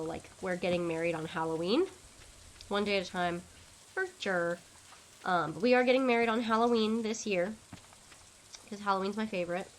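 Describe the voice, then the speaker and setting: A young woman chatting casually on a gaming stream, excitable and rambling with lots of fillers. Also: lowish voice, slight background noise.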